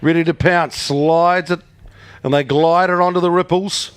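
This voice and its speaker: A man's voice: fairly high pitch, fairly even intonation, moderate pace, smooth, no echo. A man with a New Zealand accent calling a motor race live as a race caller, building suspense in short punchy phrases and questions.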